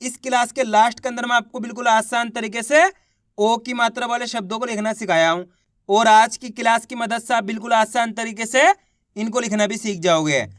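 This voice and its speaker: A man teaching beginners to read, spelling out each syllable slowly and then blending it into a word, encouraging his viewers as friends. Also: very high-pitched, fairly bright tone, no room sound, studio quality. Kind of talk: slow syllable-by-syllable reading lesson.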